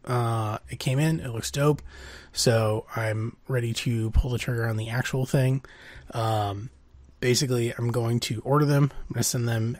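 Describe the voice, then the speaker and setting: A man with a cold hosts a casual podcast, his voice nasal and stuffed up. He rambles loosely with many fillers and self-corrections, at a middle pitch, recorded close and dry with no room sound. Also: dry recording. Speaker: podcast host.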